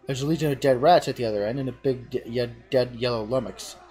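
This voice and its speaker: A man's voice: medium pitch, fast talker, darkish tone, soft background music, lightly acted. A man voicing a wry adventurer in a video game, reading the lines in a dry, matter-of-fact way. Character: wry adventurer reporting a cellar mess. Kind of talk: reading game dialogue aloud.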